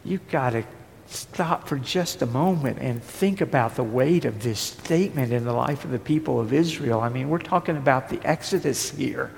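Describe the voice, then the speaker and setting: A man preaching a sermon, moving from hushed, tender passages to rising, forceful declarations. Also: mid-range voice, moderate pace, gravelly. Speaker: pastor. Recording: long hall reverb with faint noise.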